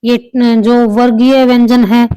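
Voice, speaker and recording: A woman teacher talks through practice questions one by one with a slightly high voice. She explains patiently and repeats the key answers. The sound is close and dry, with no room around it. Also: little pitch movement, slow pace, dark tone, clean tone, no room sound, poor audio. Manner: explains step by step, repeats answers, small restarts. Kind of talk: exam-prep lesson.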